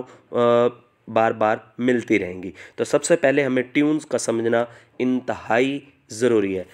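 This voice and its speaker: A man giving an online lesson over slides, asking questions aloud and repeating the answers. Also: mid-range voice. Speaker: language teacher.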